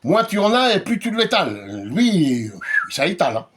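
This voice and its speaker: A man rants in a casual, mocking way while answering viewer comments. His voice sits fairly high and swings widely in pitch, and he drags out his sarcastic asides. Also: very animated, moderate pace, a little hiss or hum.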